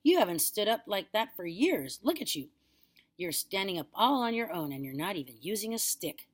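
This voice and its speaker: A woman's voice: mid-range voice, sing-song, moderate pace. A woman voicing a young boy in a storybook, an astonished and anxious grandson who exclaims and calls out urgently. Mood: amazed.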